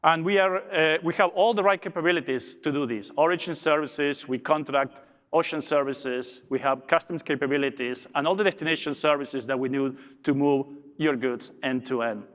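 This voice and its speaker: At a moderate pace and fairly high pitch, a man from Argentina presents upbeat material as a logistics director, with small restarts along the way. He has an Argentine Spanish accent, and the large conference hall produces a long reverb.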